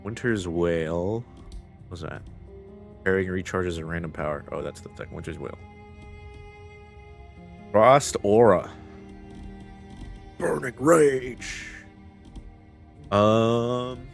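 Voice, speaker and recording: A man streaming a video game live, muttering the game's text to himself and breaking into loud, profane, laughing jokes with his viewers. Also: fairly low pitch, slow, creaky, long pauses, soft background music. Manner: mutters game text, then bursts into loud excited joking. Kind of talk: live gameplay commentary.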